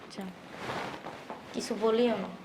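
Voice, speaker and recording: A woman's voice: unhurried, mellow, a little hiss or hum, natural voice, low-quality recording. A woman doing a sulking young wife. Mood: sulky. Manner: sulky, complaining. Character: sulking young wife complaining to her husband.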